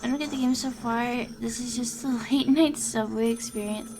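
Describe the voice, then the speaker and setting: A young woman talks casually through a game stream, high-pitched with a gravelly, fried edge, her voice wearing hoarse. She reacts aloud and thanks her chat as she goes. Clear background noise sits under the recording. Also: fairly even intonation, normal speed. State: losing her voice.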